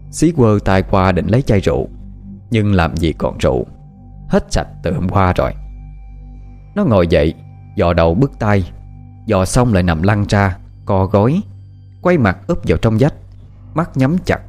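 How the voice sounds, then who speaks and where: A male horror storyteller with a low voice. He narrates in a lively, dramatic way, and his pitch moves freely up and down. Faint music plays underneath. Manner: expressive, dramatic pacing.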